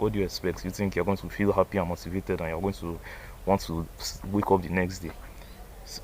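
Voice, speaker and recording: A man in his 20s rambles through a loose motivational monologue for his vlog, saying "like" and "bro" constantly. His voice is lowish, and he's outdoors beside a banana tree with slight background noise.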